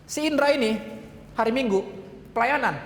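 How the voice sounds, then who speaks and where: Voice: sits high, normal speed. A youth fellowship preacher giving a direct, urgent, conversational sermon in a church hall.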